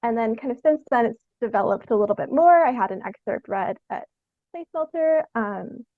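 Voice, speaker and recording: Heard through dry, phone-quality audio, a young Canadian theatre artist talks casually in an interview at a moderate pace. Her fairly high voice is expressive, and she keeps things informal, frequently breaking into giggles partway through sentences.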